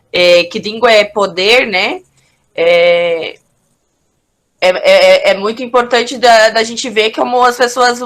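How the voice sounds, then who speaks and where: A woman teacher chiming in on an online class over a video call, halting and restarting as she builds a point. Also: on the high side, a bit bright. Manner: hesitant, halting, many restarts.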